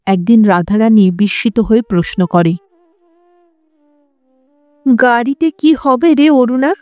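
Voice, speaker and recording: Mellow woman narrating an audiobook. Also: medium pitch, clean tone, no echo. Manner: measured storytelling.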